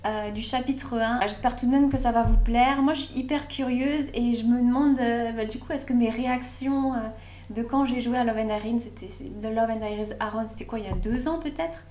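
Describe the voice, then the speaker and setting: A woman, a gaming YouTuber, chatting excitedly through a let's play with many fillers. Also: a little high, a little fast, a little hiss or hum. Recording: echoey room with music.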